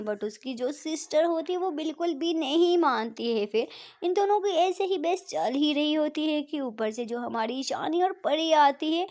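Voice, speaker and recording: A woman's voice: high voice, a little mellow. A woman narrating a story in a chatty, casual retelling.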